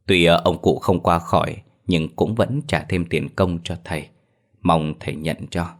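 A man's voice: deep voice, steady tone, unhurried. A man voicing a polite middle-aged man from a grieving family, speaking formally.

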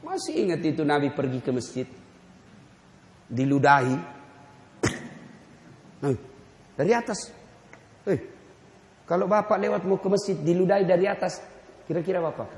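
A man preaching a lively sermon, firing rhetorical questions at the audience and joking. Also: high-pitched, moderate pace, long pauses. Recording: echoey hall reverb.

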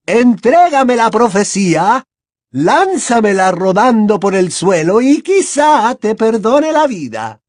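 A man voicing a fanatical female witch in an audiobook, shrill and screaming. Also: very animated, takes it slowly, dry recording, clean studio sound, exaggerated voice. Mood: shrieking. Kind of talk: audiobook character voice.

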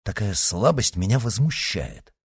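A man voicing a hot-tempered young musketeer who bursts out loudly and scornfully. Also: fairly low pitch, lively intonation, a little slow, slightly rough. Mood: disgusted. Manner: loud, scornful outbursts.

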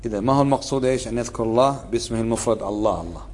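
A man's voice: mid-range voice, fairly even intonation, very fast, darkish tone, long reverb tail. A man gives a religious lesson on creed, asking his listeners questions and answering them himself, with a sarcastic edge. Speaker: sheikh teaching a book on creed.

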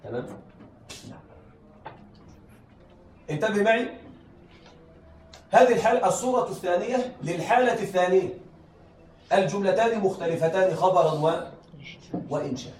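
A man's voice: sits high, normal speed, long pauses, a little mellow. A man teaching a classroom lesson, who keeps checking that his students follow and repeats key phrases. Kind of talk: classroom lesson on Arabic rhetoric. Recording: echoey room, heard from a distance, faint noise.

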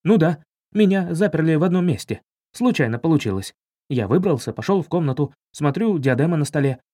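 A man's voice: on the high side, animated, fairly quick, dark tone, dry recording, clean studio sound. A man voicing a cheerful, big-eared gang member who talks in an offhand way.

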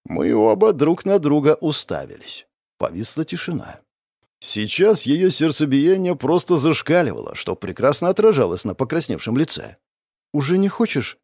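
A man narrating fiction in the first person for an audiobook, expressive and sardonic as he acts out the hero. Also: fairly high pitch, moderate pace, creaky, dry recording, studio quality.

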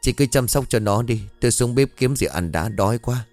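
A man's voice: medium pitch, animated, a little fast, darkish tone, faint music behind, lightly acted. A man doing an anxious, fretful middle-aged mother. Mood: weary, tired. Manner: pleading, fretful.

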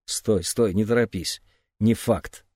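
A man's voice: mid-range voice, very animated, moderate pace, a little mellow, no room sound, clean studio sound, natural voice. A man reading an audiobook, voicing a stubborn, hot-tempered teenage boy who talks in a heated, defiant way. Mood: brooding.

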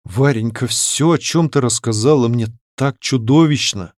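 A man reading an audiobook, voicing a doting aristocratic father who speaks gently to his daughter. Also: medium pitch, moderate pace, no echo, studio quality, lightly acted. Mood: tender. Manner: haughty at first, then gentle and soothing.

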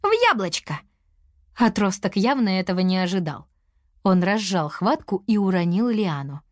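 A woman narrating a children's story in a lively, expressive way. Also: mid-range voice, normal speed, no room sound, clean studio sound.

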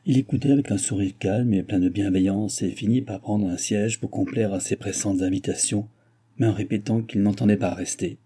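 Low, husky male audiobook narrator. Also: fairly even intonation, a little fast, warm tone. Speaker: audiobook reader. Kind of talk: scripted narration.

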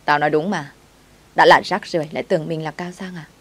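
A woman voicing a spiteful young female coworker who taunts and shouts. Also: low voice, fairly even intonation, fast talker. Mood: hostile.

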